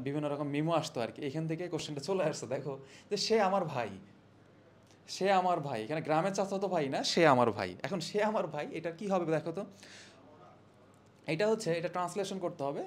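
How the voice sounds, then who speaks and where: A young man teaching an English grammar lesson casually, asking his students questions and answering them himself. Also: a little high. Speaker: exam-prep English teacher. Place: classroom or studio, indoors. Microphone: phone or mic held near the mouth.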